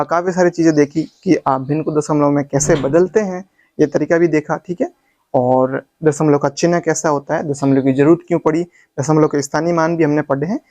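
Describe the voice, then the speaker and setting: A man's voice: a little high, a little mellow, dry recording. A male teacher giving a recorded lesson, patiently repeating each point and checking that students follow, mixing in English terms. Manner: mixes Hindi with English terms. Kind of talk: classroom lesson video.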